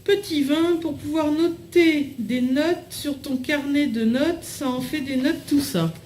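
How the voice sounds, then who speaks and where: A young woman with a fairly high voice chats casually to camera as she unboxes a package at home. She's bubbly and loose, trailing off into fillers. The room sounds echoey, with a faint hiss underneath. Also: slow, a little mellow. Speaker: vlogger unboxing a swap package.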